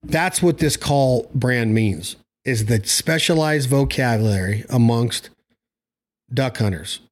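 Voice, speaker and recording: A man's voice: mid-range voice, animated, measured pace. A man talking casually and at length about his views in an emphatic, blunt, rambling way, using mild slang. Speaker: hunting show host. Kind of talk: casual opinionated chat.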